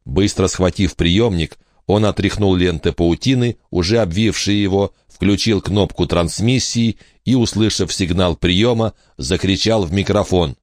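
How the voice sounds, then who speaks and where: A man narrating a horror audiobook in a measured, steady storytelling manner. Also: low voice, no echo, clean studio sound.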